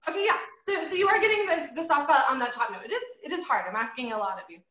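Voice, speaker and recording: Her voice is high, expressive and bright, with a forceful tone and a racing pace. As a voice teacher running a group singing class, she stays encouraging and patient, filling gaps with ums and singing examples. It's recorded in a roomy space with somewhat dull sound.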